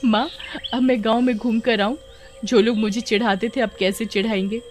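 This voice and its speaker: A woman voicing an excitable young village girl in a cartoon, breathless and eager. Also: on the high side, normal speed, a little hiss or hum, close to an everyday voice. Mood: excited.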